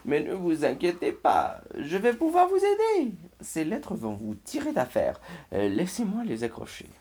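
Bubbly storybook anteater shopkeeper in a jumpy high voice, done by a man reading aloud. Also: huge pitch swings, measured pace, mellow, slightly rough, full character voice. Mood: cheerful. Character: cheerful anteater shopkeeper, eager to sell.

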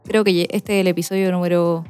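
A woman's voice: on the low side, steady tone, quick pace, a little mellow, clean tone, dry recording, faint music behind. A woman with a Chilean accent co-hosting a casual podcast, chatty and playfully teasing. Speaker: podcast co-host. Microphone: studio microphone.

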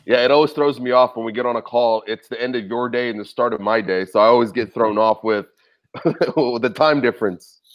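A man hosts a podcast interview over a video call, his voice at a middle pitch. His audio sounds a little muffled and dull. He speaks in a friendly, enthusiastic way and says he loves what he hears. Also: steady tone, fairly quick. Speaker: podcast host.

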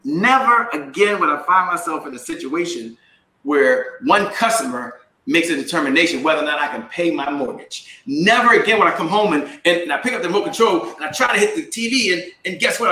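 Emphatic man with a bright, echoey voice. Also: a little high, expressive, fast. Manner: emphatic, call-and-response with the audience. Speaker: sales coach and speaker. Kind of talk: motivational talk to a live audience. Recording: echoey room.

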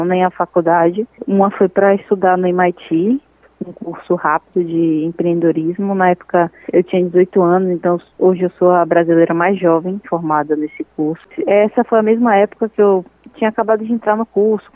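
A young woman, a scientist and entrepreneur answering interview questions in an earnest, measured way, often pausing to restart her phrases. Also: fairly low pitch, no room sound. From Salvador, Brazil. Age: 20s. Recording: thin, dry, phone-like line.

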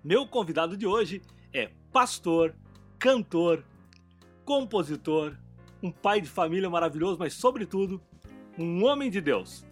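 A man with a notably high voice hosts a live faith-themed radio talk show from the studio. He is upbeat and chummy with his guest, and soft music sits underneath his voice. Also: expressive. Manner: upbeat, chummy, rapid-fire banter. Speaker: radio and podcast host.

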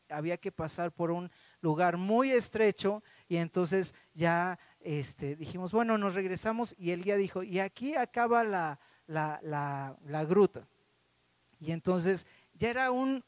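A man, preaching as a pastor and telling a story, with many halting repeats. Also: high-pitched, dry recording. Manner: halting, repeats words often. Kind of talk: sermon with personal story.

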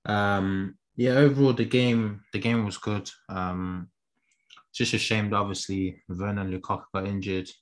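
Low London male voice, roadman slang. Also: fairly even intonation, moderate pace. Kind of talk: casual football chat.

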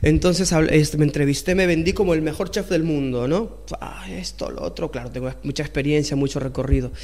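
A man from Peru, a podcast guest telling his own story in an animated way and acting out the voices of the people in it. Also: on the high side, a little fast. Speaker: guest, entrepreneur. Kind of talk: personal storytelling in a podcast interview.

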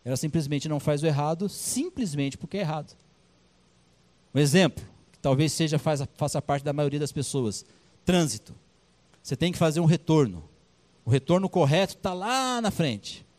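A man's voice: a little high, animated, normal speed, a little mellow. A man preaching a sermon in a conversational way, explaining verses with everyday examples and casual slang.

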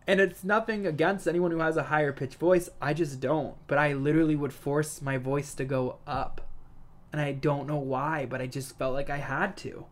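A young man in his twenties talking casually and earnestly to his viewers, with lots of "like" as filler. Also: a little high. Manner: earnest, affirming, heavy use of "like". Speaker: vlogger. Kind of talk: casual personal talk to viewers.

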